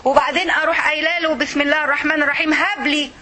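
Quick, bright Egyptian woman teaching. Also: high voice, steady tone. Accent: Egyptian Arabic. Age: older. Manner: conversational and emphatic, checks in with listeners. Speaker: religious teacher. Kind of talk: religious lesson.

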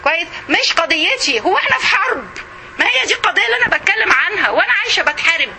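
A middle-aged woman with an Egyptian accent giving an informal religious lesson, lively and conversational, speaking straight to her listeners. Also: very high voice, racing, a little hiss or hum. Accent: Egyptian Arabic. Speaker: religious teacher.

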